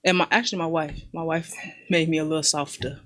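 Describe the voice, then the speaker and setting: A man's voice: fairly high pitch, steady tone, fast talker, fairly bright tone. A man co-hosting a casual podcast chat, talking candidly and reflectively about family and parenting. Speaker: podcast co-host.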